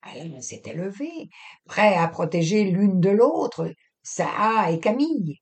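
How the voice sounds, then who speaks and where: A woman reading a literary novel aloud in a measured, expressive way. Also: mid-range voice. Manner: slow, measured, expressive delivery. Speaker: audiobook reader.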